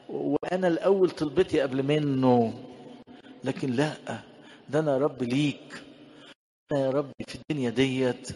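A man with an Egyptian Arabic accent preaching a sermon, repeating verses slowly and answering his own rhetorical questions. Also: a little high, a little mellow, slight background noise.

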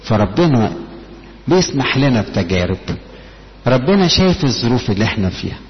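Low-voiced Egyptian preacher in reverberant hall. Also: male voice, dull audio. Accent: Egyptian Arabic. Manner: colloquial preaching with scripture quotes, rising emphasis. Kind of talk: sermon.

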